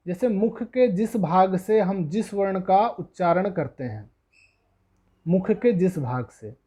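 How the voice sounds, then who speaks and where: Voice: mid-range voice, warm tone. A Sanskrit teacher giving a lesson, repeating each letter one by one, asking questions and answering them, and adding English glosses for terms. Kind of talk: classroom-style lesson explanation.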